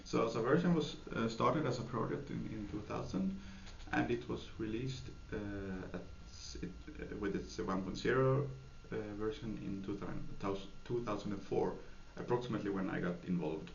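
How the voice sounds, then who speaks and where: This Swedish software developer speaks in a lowish voice with vocal fry at a moderate pace. He answers interview questions hesitantly, full of fillers and restarts. The room is echoey, and the sound is dull and lo-fi with faint noise.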